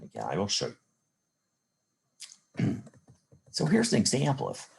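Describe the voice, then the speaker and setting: His pitch is medium but swoops wildly, and he speaks unhurriedly in a creaky, slightly rough voice. An American-accented instructor from the Chicago area, he gives a recorded college lecture, methodically explaining examples step by step with rhetorical "well" and "again."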